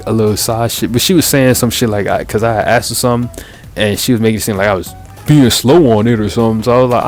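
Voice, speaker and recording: A young man, telling a rambling, profane, animated story in casual chat, full of fillers and restarts. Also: mid-range voice. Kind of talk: casual story time over gameplay.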